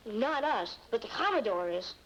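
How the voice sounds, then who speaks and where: An actor playing an earnest, slangy American schoolboy who leads a kids' gang in a 1950s TV detective drama. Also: male voice, extremely high pitch, sing-song, moderate pace, a bit bright, full character voice. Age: child or young teen. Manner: earnest, slangy, polite boyish. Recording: muffled vintage TV soundtrack, faint noise.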